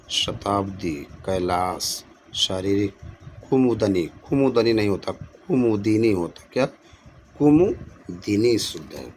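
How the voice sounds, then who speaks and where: A man with a deep, low voice teaches an exam-prep lesson as the host of his own channel. He greets viewers as friends and works through each question, repeating the correct form to drive it home. Faint noise hums behind him.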